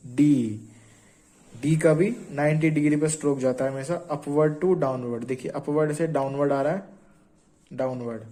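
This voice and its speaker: A man's voice: fairly high pitch, a little mellow, poor audio. A young man teaching shorthand in Hindi, patiently explaining strokes, repeating sounds and quizzing the viewer. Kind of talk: informal classroom-style tutorial.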